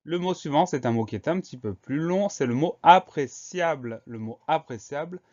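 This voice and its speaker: This is a dull, lo-fi clip of a man teaching children to spell, going letter by letter through every word and patiently saying it again. His voice is medium-pitched and slightly mellow.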